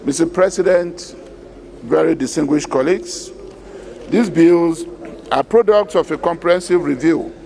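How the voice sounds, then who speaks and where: Nigerian male senator, fairly high creaky voice, formal debate delivery, some chamber noise. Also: a little mellow. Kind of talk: formal parliamentary speech. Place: legislative chamber.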